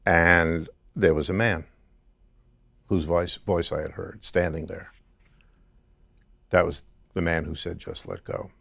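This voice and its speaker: A middle-aged man interviewed as a guest, telling his story in a halting conversational way with many restarts. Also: sits low, fairly even intonation, vocal fry, a bit bright, dry recording, studio quality. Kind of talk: conversational testimony.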